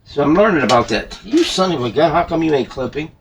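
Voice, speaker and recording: A repair hobbyist talks to himself at his workbench, folksy and casually muttering with the odd mild curse. His voice runs a little high and fast with lively intonation. Clicks and handling noises from the workshop surround him.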